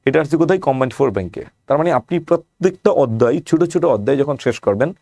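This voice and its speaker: A man with a Bangladeshi Bengali accent gives an exam-prep lecture at a brisk clip. He runs through past questions and poses rhetorical questions along the way. The recording is dry and close, with little room sound. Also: mid-range voice, animated, warm tone, dry recording. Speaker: teacher.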